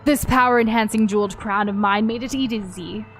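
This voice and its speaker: Woman voicing King Boo, slow theatrical villain menace. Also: medium pitch, fairly even intonation, soft background music, close to an everyday voice. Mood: gloating. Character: gloating male ghost king villain, mocking and megalomaniac. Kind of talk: reading game dialogue aloud in character.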